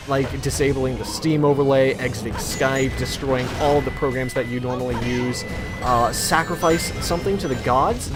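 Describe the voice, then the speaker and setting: A young man giving casual let's play commentary in a sarcastic, rambling, jokey way. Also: medium pitch. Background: video game music.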